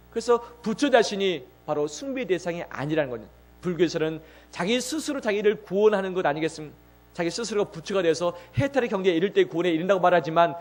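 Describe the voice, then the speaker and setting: High-voiced fervent male pastor preaching. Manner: builds from quiet storytelling to loud, fervent preaching; rhetorical questions and repeated phrases. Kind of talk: sermon.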